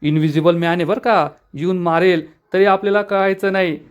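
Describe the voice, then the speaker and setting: A man's voice: sits high, fairly even intonation, moderate pace, smooth, highs cut off, natural voice. A man voicing a stubborn young village brother who mocks the others, in an episode recap. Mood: mocking. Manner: mocking, sarcastic.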